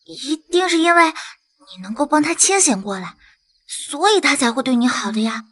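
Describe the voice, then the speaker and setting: An actress playing a clever, self-assured young bride. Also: female voice, high voice, expressive, normal speed, a bit bright. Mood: musing.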